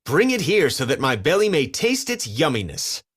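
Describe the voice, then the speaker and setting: A man voicing a bossy, vain, excitable cartoon lemur king with an imperious, theatrical manner. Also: fairly high pitch, normal speed, breathy edge, voice pushed up, exaggerated voice.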